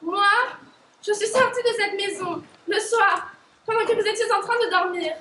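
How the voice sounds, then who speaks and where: A woman's voice: extremely high pitch, moderate pace, fairly bright tone, a little hiss or hum. A teenage girl acting in a school stage play as a blunt, exhausted young working woman, recorded from far off in an echoey hall. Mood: dreamy. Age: teens. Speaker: high school stage actor.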